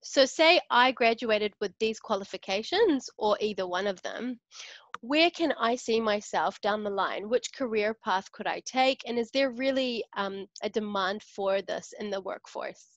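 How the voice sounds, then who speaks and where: A young woman from student liaison interviews for a university over a video call, asking polished, upbeat questions. Her mid-range voice is fairly bright, a little slow, and lively in intonation. The call audio is dull and lo-fi, with no room sound.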